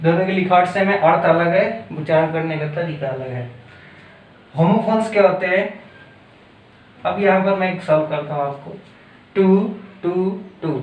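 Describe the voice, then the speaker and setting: A man with an Indian accent teaching an English grammar lesson, explaining slowly and deliberately and checking in often with his students. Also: sits high, highs cut off. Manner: slow, deliberate explaining with frequent checks like "okay?". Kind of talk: classroom-style grammar lesson mixing Hindi and English. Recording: roomy echo with faint background noise.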